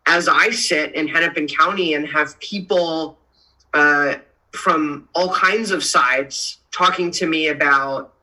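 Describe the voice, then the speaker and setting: A woman's voice: sits low, pushed and bright, low-quality recording. A woman speaking at a public policy council meeting, pressing her questions and repeating key phrases for emphasis. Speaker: council member.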